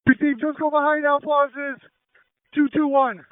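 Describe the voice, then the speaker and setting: A man's voice: very high-pitched, flat delivery, normal speed, no room sound. A man working as fire incident commander, giving urgent, clipped orders in firefighter radio traffic. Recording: tinny two-way radio transmission.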